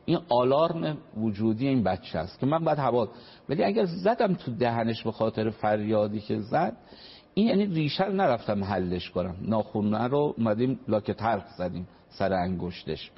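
This family counselor speaks on a radio talk show in a lowish, creaky, husky voice with big swings in pitch. Earnest and explanatory, he illustrates parenting points with examples and formal, polite language over a dull lo-fi broadcast.

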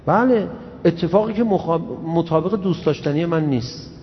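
A man giving an emphatic religious lecture, swinging from slow, low asides to loud scolding. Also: a little hiss or hum. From Iran, grew up in Tehran. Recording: dull recording in reverberant hall.

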